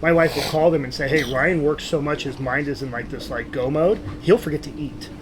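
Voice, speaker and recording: Casting: male interview host, slightly raised pitch, relaxed talk over clear background noise. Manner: affirming listener, quick agreeing interjections. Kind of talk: casual conversation.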